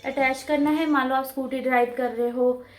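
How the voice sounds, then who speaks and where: A woman's voice: sits high, fairly even intonation, normal speed. A woman in her thirties chatting casually at home for her vlog, talking into a clip-on mic in a rambling, chatty way. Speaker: vlogger. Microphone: clip-on mic close to mouth.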